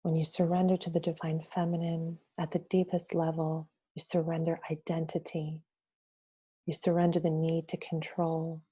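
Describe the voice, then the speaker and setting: A woman leading a guided meditation in a soothing, reverent, goddess-like manner, softly and with a hushed delivery. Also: low-pitched, monotone, moderate pace. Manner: soft, breathy, hushed, drifting at times toward a whisper.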